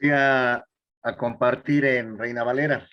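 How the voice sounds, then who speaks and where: A man's voice: medium pitch, steady tone, unhurried, dull audio. A man who is a student in a workshop, reading aloud from several Bible versions. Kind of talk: reading in class.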